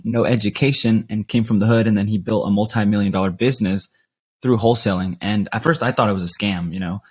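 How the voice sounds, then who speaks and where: A twenty-three-year-old man, a podcast guest telling his story in a relaxed way with fillers. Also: on the low side. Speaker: guest, real estate investor. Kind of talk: interview storytelling.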